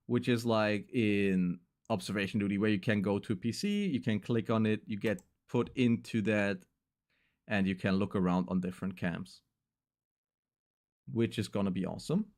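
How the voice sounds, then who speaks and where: A man's voice: fairly low pitch, moderate pace, darkish tone. A young man signing off his stream with loose, rambling casual talk, full of fillers.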